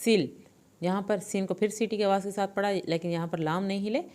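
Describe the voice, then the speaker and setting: Clear-voiced woman teaching Quran recitation. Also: medium pitch, steady tone, darkish tone. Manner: patient, step-by-step pronunciation instructions. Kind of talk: Quran recitation lesson with slow drawn-out recitation.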